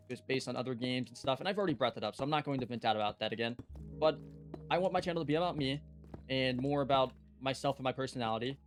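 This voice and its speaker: A young man giving rambling, earnest casual commentary while he plays a game, full of fillers and restarts, with faint music behind him. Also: medium pitch. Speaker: gaming YouTuber.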